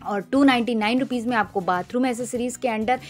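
A woman's voice: fairly quick, soft background music. Woman touring a store, listing prices. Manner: upbeat sales-pitch, listing prices. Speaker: shopping vlogger. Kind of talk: store walkthrough narration. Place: large retail store.

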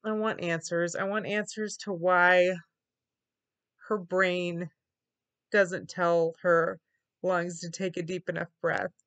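Weary woman with a lowish voice. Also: level tone, takes it slowly, pauses often, a bit bright. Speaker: vlogger. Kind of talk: casual confessional vlog talk. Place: small wood-paneled room indoors.

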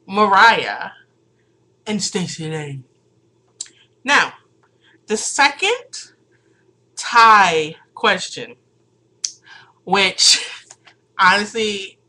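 Bright-voiced sassy woman vlogger. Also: medium pitch. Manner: chatty, sassy, laughs often, rambling. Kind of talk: casual unscripted vlog.

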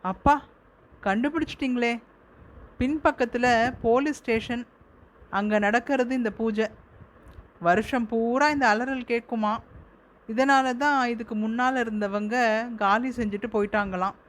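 A woman's voice: on the high side, unhurried, long pauses, close to an everyday voice, low-quality recording. A complaining wife, as a woman reads her. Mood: insistent. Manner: complaining, insistent. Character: worried young wife, insistent.

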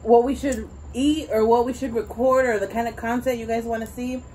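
A woman's voice: a little high, steady tone, a little fast, dark tone, a little hiss or hum, low-quality recording. A young woman co-hosting an eating video, speaking animatedly and addressing viewers directly. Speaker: co-host. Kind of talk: casual mukbang chat.

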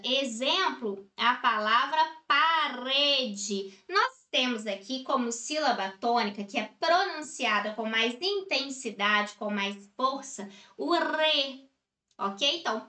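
A woman from Brazil gives a recorded grammar lesson in a bright, fairly high voice. She explains at an unhurried pace and keeps checking in with short tag questions. The room around her sounds echoey. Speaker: teacher.

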